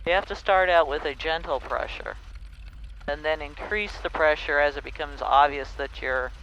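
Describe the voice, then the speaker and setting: A man's voice: a little high, normal speed, lo-fi sound. A man working as a flight instructor, explaining step by step how to handle a small airplane. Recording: loud engine and cockpit noise.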